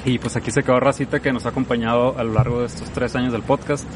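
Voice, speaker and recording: A man's voice: medium pitch, steady tone, quick pace. A man with a Mexican accent hosting a casual live podcast chat in Spanish slang. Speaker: podcast host. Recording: noisy outdoor city ambience.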